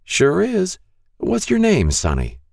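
A man's voice: high voice, wildly swooping pitch, slow pace, vocal fry, no echo, studio quality, voice pushed up, exaggerated voice. A man doing a frail old shopkeeper ghost. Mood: gentle. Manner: gentle, folksy, wistful.

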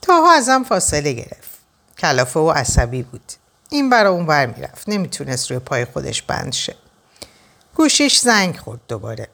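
A woman narrating a first-person story aloud, expressive and tense. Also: deep voice, vocal fry. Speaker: audiobook narrator.

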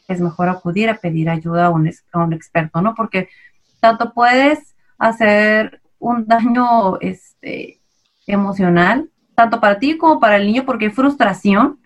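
A woman with a Mexican accent answers interview questions as a child language specialist. She explains step by step, patient and clear, often posing rhetorical questions. Her voice sits in a mid range. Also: mid-range voice, normal speed.

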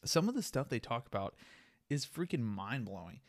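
A man's voice: mid-range voice, very animated, moderate pace. Rambling beer-drinking podcast host, man. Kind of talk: solo casual podcast rant.

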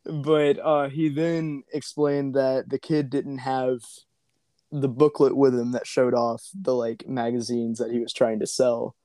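A man's voice: medium pitch, flat delivery, unhurried, mellow, no echo. A man tells a spooky tale in an easygoing, joking way, breaking into laughs. His voice sits mid-range and sounds close and dry, with no room around it. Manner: laughs often, wry and joking. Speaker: podcast host. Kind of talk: casual chat, storytelling.

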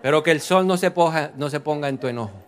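A middle-aged man, preaching a lively sermon full of rhetorical questions. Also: fairly high pitch, fast, slight background noise. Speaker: pastor.

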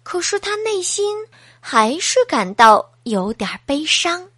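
A woman reading a bedtime story aloud to a child in a slow, sing-song, animated way. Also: high voice, no room sound, studio quality.

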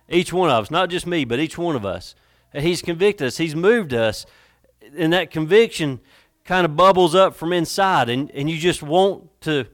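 Man, pastor, sermon, emotional, slow emphatic delivery, slightly high voice. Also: fairly bright tone, no echo, clean studio sound. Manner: emotional, slows down for emphasis, reads scripture in old-fashioned wording.

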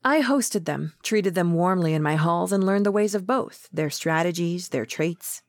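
A woman voicing a shrewd older male counselor recounting events in a measured way. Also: fairly low pitch, no room sound, lightly acted.

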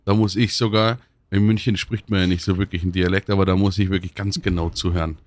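A man's voice: deep voice, quick pace, no echo. Man chatting casually, dry sound. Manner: animated storytelling, slips into imitated voices. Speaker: podcast co-host. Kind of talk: casual chat.

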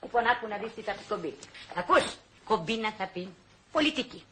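An actress plays a bossy, excitable comic heroine in an old film comedy. Her voice rides high and leaps around, bright and sharp, with loud theatrical exclamations. A faint hiss of old film sound lies behind her. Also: lightly acted. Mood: sly, lecturing. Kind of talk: 1960s film comedy acting.

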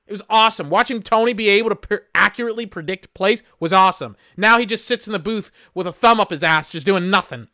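A man's voice: high-pitched, fast, few pauses, pushed and bright, dry recording, clean studio sound. A man hosting a podcast, reacting live to an awards broadcast in casual, rambling commentary, often exasperated and swearing. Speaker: podcast host.

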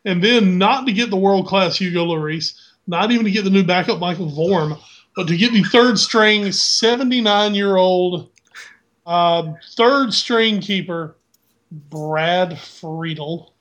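A man's voice: high-pitched, measured pace, a bit bright. A man with a mild Southern US accent co-hosting a sports podcast in casual chat, teasing his partner with dry humor. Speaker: podcast co-host.

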